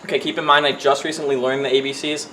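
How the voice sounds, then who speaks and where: A man's voice: mid-range voice, flat delivery, fast. A man hosting his own video channel, chatting casually to the camera. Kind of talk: casual vlog chat to camera. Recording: noisy home-video sound.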